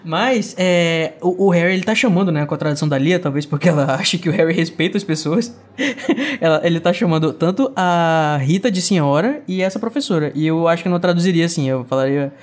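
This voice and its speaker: Fast-talking man chatting on a podcast. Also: fairly high pitch, expressive. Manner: chatty, lots of "né" tag questions. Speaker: podcast co-host. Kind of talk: casual book-club chat.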